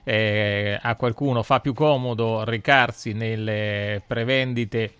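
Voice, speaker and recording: A man's voice: on the low side, fairly even intonation, takes it slowly, a bit bright, smooth, no echo. A man co-hosting a casual sports radio chat, informal and often correcting himself as he goes. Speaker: radio co-host.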